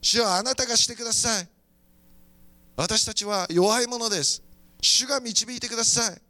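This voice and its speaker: A man's voice: very high voice, normal speed, pushed and bright, no echo. A man preaching a sermon as a pastor, fervently moving between teaching and praying aloud. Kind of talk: sermon with prayer.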